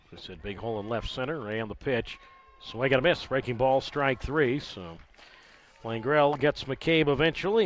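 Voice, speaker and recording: A man calling live baseball play-by-play from the ballpark, relaxed and conversational, with dry sarcastic asides. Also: mid-range voice. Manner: conversational, wry asides, filler "uh" between counts. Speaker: play-by-play announcer.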